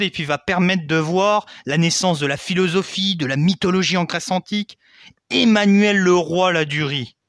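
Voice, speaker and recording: A man's voice: high voice, fairly bright tone, no echo, clean studio sound. A young man hosting a casual history lesson video, chatty, peppering his talk with tag words and jokey asides. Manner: chatty, frequent "hein" and asides. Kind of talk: casual educational explainer.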